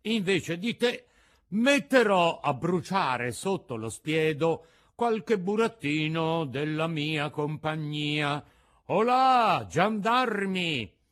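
A man voicing a bearded male puppet master who blusters loudly, gruff on the surface but softhearted, with explosive sneezes. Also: on the high side, lively intonation, slow, pitched above the performer's own voice. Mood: blustering gruff.

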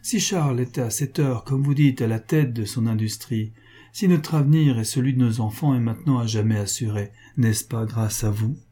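A man's voice: medium pitch, moderate pace, dark tone, breathy edge, lightly acted. A man voicing an eager, affectionate young wife.

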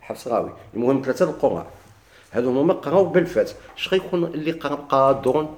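A man with a Moroccan Arabic accent explains a classical text to his students, asking them questions and answering them himself, and he chants the quoted verses slowly. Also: medium pitch, expressive, darkish tone, roomy sound. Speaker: teacher of Quran recitation.

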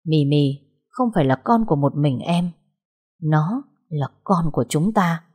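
Young father, firm but tender, quiet and insistent, read by a woman in her own low, husky voice. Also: expressive, unhurried, full character voice. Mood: calm insistence. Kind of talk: audiobook dialogue.

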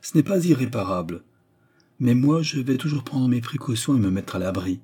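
A man reads aloud at a moderate pace in a mid-range, warm voice with a breathy edge and animated delivery. His character, a scheming and persuasive middle-aged noblewoman adventuress, frightens her young companion with feigned sweetness. Menacing and persuasive in mood, insistent in manner.

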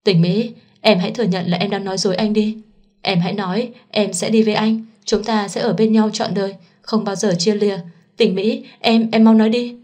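A woman's voice: mid-range voice, fairly even intonation, brisk, a little mellow, close to an everyday voice. A woman voicing a desperate young man who pleads urgently with the woman he loves, in a storybook reading. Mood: pleading.

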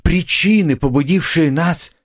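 A man voicing a proud, desperate poor widow woman who talks in a shrill, haughty way and screams. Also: a little slow. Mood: haughty pleading.

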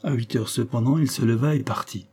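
A man's voice: a little fast, breathy edge. A man reading a nineteenth-century short story aloud as narrator, lifting his voice to act out the characters. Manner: voices characters with shifts in pitch and loudness. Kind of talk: audiobook reading of a classic story.

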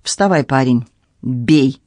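A man reading the part of a ruthless, calculating woman in an audiobook, in a low, controlled, menacing tone. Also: slow, darkish tone, no room sound, studio quality. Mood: cold, commanding.

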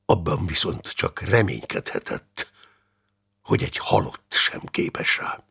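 A man reading an audiobook in a dramatic, expressive narration style. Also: rumbling low, gravelly, husky.

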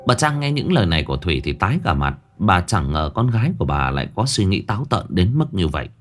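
A man narrates a ghost story with dramatic expression. His voice sits low but swings widely in pitch. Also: sing-song, fast talker, faint music behind.

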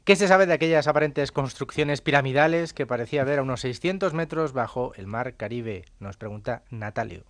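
A man's voice: mid-range voice, brisk, hardly any pauses, no room sound. A man presenting a podcast, reading out listeners' questions to a panel.

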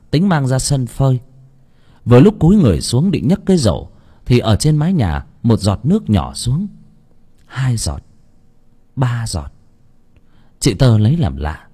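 A man narrating an audiobook story with a dramatic, expressive delivery. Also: mid-range voice, husky.

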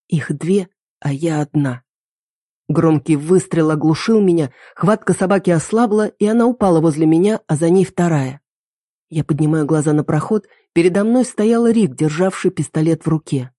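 A woman's voice: fairly low pitch, mellow, no room sound, clean studio sound. A woman narrating a first-person story dramatically as an audiobook reader.

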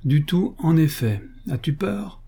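Storybook role: man playing a terse, decisive young sergeant, dark husky voice. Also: on the high side, animated, unhurried, voice pushed up, full character voice.

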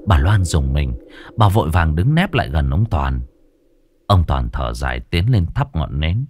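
A man's voice: rumbling low, very animated, measured pace, darkish tone, no room sound. A man reading a ghost story aloud with dramatic, suspenseful delivery. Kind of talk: scripted ghost story narration.

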